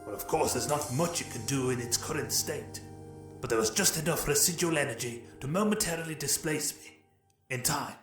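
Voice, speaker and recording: A man voicing the Doctor, an eccentric, genteel alien time traveller who talks softly and politely and explains things with many a "well". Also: mid-range voice, fairly quick, natural voice. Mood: breezy. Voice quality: polite, fussy, old-fashioned English phrasing. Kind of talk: audiobook character voice. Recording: roomy echo, distant mic, faint music.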